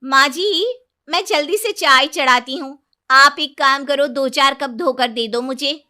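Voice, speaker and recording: A woman voicing a sharp-tongued, defiant young daughter-in-law in a storybook cartoon. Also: high voice, measured pace, voice pushed up, heavily acted. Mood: sweetly bossy. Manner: bold, cheeky, talks back loudly.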